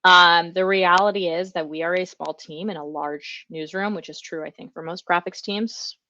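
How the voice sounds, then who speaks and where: A woman's voice: fairly low pitch, fairly even intonation, moderate pace, pushed and bright, no room sound, muffled recording. A woman giving a casual, enthusiastic conference talk over a video call, chatting with lots of fillers. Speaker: conference speaker.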